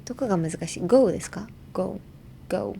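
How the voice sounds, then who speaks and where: A woman's voice: mid-range voice, lively intonation, normal speed, vocal fry, warm tone, a little hiss or hum. A young woman hosting a casual bilingual pronunciation lesson, playfully demonstrating sounds with repeated syllables. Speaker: English pronunciation coach.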